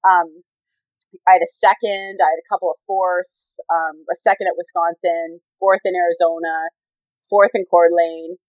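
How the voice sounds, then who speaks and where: A woman's voice: fairly low pitch, flat delivery, normal speed, darkish tone, no echo, rough recording. Chatty woman in her forties, dry sound. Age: 40s. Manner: chatty, rambling, many fillers and restarts. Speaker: professional triathlete and coach. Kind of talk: casual interview conversation.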